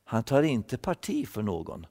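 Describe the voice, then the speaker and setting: A man's voice: medium pitch, sing-song, darkish tone. Swedish-speaking man teaching in a church hall. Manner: thoughtful, repeats words while explaining. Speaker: preacher. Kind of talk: Bible teaching sermon.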